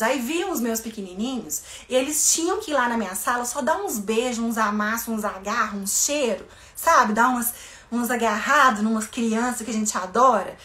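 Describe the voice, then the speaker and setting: Woman, Brazilian Portuguese accent, teacher, expressive and casual, higher voice. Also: echoey room. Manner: warm, expressive, switches between Portuguese and English phrases. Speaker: English teacher.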